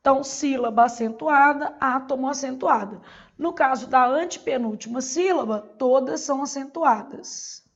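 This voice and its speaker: A high-pitched Brazilian woman speaks at a moderate pace while teaching a Portuguese lesson for exam prep. In a didactic style she asks questions and answers them herself, and the sound is lo-fi.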